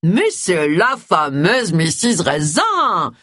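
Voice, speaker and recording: A pompous, blustering agency boss, put on by an audiobook reader, drawing his words out slowly and emphatically. The voice is a little husky and swings widely in pitch. It is recorded dry and close. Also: sing-song, no echo, heavily acted.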